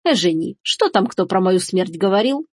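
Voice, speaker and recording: A woman voicing a shrewd, stern old grandmother who speaks in a calm, measured way. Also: mid-range voice, husky, dry recording, clean studio sound. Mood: dry.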